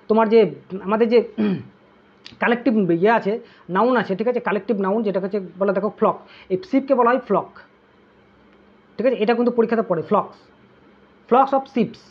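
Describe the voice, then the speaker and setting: Tutor going over english vocab for an exam, husky breathy voice, keeps asking "okay?", sounds kinda dull and lo-fi. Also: mid-range voice. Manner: drills terms with constant "okay?" check-ins; asks students questions, then answers them. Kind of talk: online exam-prep lesson.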